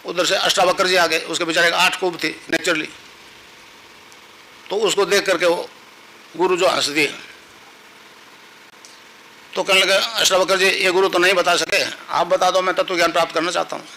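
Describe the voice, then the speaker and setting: A spiritual teacher giving a devotional discourse to a live audience, telling stories and teaching a mantra in an instructive way. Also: male voice, high-pitched, fairly even intonation, moderate pace, pauses often, bright, forceful tone, poor audio. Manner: storytelling, instructive, chants mantras.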